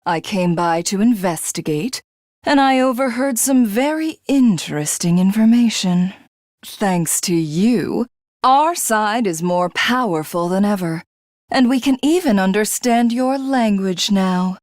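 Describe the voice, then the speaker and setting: A woman voices a megalomaniac alien warrior from a video game who devours her rivals to become a god. Her medium-pitched, darkish voice is lively yet unhurried, smug and menacing, and haughty, grandiose, theatrical, and self-satisfied. The dry, studio-quality recording is lightly acted.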